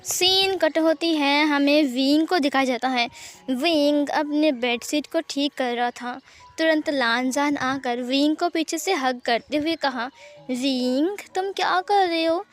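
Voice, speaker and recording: A woman's voice: high-pitched, measured pace. A woman telling a fanfiction story in a conversational storytelling style. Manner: conversational, lively retelling. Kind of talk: storytelling narration.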